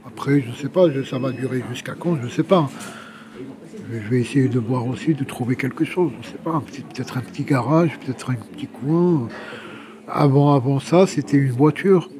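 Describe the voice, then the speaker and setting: With a crowd audible behind him, this Kabyle man from Algeria speaks in a mid-range voice at normal speed. In his 60s, he is an exiled journalist who is now homeless, and he is being interviewed. He tells his own story informally, often repeating a word before finding the next.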